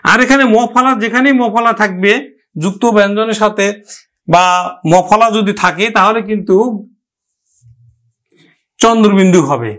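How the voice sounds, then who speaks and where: A man's voice: high-pitched, moderate pace, pauses often, a bit bright. A man teaching a pronunciation lesson, who explains step by step and repeats each example word several times.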